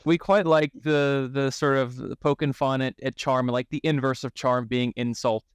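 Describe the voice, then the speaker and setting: A man's voice: mid-range voice, steady tone, normal speed, smooth, no room sound, clean studio sound. An American man co-hosting a casual game chat, presenting fan card designs with hyped-up delivery.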